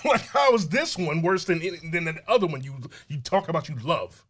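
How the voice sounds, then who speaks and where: A man from Chicago, a podcast guest chatting casually, laughing often and trailing off quietly. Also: on the high side, very animated, moderate pace. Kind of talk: casual chat.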